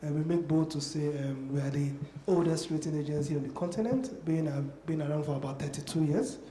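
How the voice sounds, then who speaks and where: A man's voice: a little high, a little fast, warm tone. A man from Nigeria politely introducing himself on a conference panel. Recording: echoey room, faint noise.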